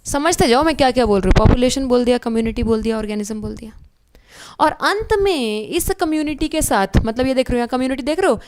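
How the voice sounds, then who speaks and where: Woman, high bright voice, lively biology teacher, checks in with students. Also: quick pace, noisy background. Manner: animated, addresses students as beta, asks checking questions. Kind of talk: online exam-prep lecture.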